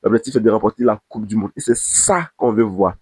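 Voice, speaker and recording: A man's voice: fairly low pitch, a little fast, darkish tone, slightly rough, no room sound. A man, giving an impassioned football commentary to camera and repeating phrases for emphasis. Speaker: football vlogger.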